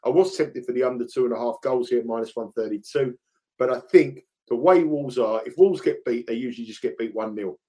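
Brief: London bloke, middle-aged football tipster on a betting podcast, chatty, laughs easily, mid-range voice. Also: male voice, mid-range voice, a little fast. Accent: London English. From England. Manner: laughs through stories, repeats himself when excited. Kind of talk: casual podcast chat.

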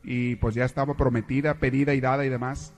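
Joking priest preaching. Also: male voice, medium pitch, flat delivery, fast talker. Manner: storytelling, joking. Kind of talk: sermon.

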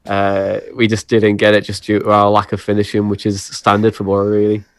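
A man's voice: fairly low pitch, monotone, a little fast, no room sound. A man talking football as a fan podcaster, chatty and casual, often repeating words for emphasis. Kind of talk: casual sports chat.

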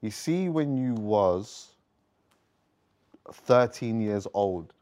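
A man's voice: fairly low pitch, lively intonation, drawn-out words, warm tone. A man with a British accent hosting a casual, slangy interview with artists. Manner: slangy, informal.

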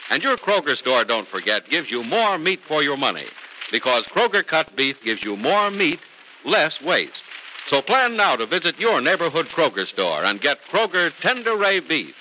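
A man's voice: on the high side, very animated, normal speed, sharp tone. A man with an American accent announcing in old-time radio style, reading narration and ads with emphatic, polished salesmanship. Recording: noisy vintage radio recording.

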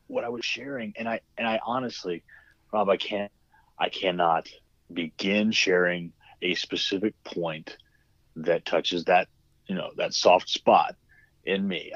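A man's voice: low-pitched, no echo, highs cut off. A man who writes novels, talking as a podcast guest in an earnest, emotional, reflective way. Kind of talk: casual podcast interview.

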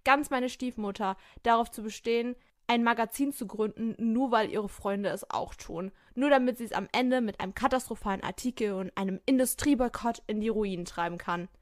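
A woman's voice: fairly high pitch, moderate pace, no room sound, studio quality, close to an everyday voice. A woman reading the lines of an arrogant young millionaire playboy in a story game, in her own plain voice. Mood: sardonic.

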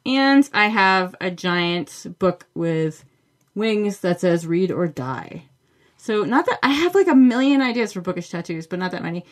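A woman's voice: medium pitch, very animated, a little slow. A woman hosting a book podcast, chatting casually and enthusiastically as she answers listener questions. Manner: chatty and enthusiastic, with many fillers. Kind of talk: casual solo podcast talk.

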